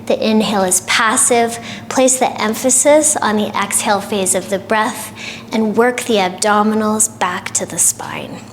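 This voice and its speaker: Woman, yoga teacher, guided instruction, slow, gentle cueing, faint background noise. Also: medium pitch. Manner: calm, gentle cueing with soft breathy asides.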